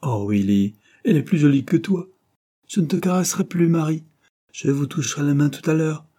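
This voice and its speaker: A man voicing a bold, impetuous young woman in an audiobook, talking in eager, quick questions. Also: mid-range voice, mellow, breathy edge, voice pushed up, natural voice. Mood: playful. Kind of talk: audiobook character reading.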